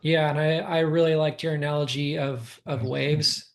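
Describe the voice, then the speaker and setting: A male interview host with a gravelly, creaky voice. His pitch stays flat and even. He sounds supportive and often drops in short affirmations. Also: normal speed. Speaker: host and life coach.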